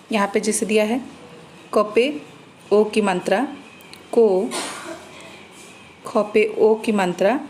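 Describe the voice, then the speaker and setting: A woman teacher giving an online class to young children, reading words out slowly syllable by syllable. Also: mid-range voice, a little mellow, slight background noise, low-quality recording.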